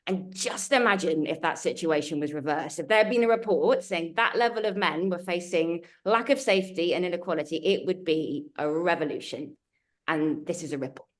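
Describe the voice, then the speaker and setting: A panelist from a culture change consultancy speaks on a webinar over a video call, her lowish voice brisk. She is earnest and emphatic, building her arguments as lists.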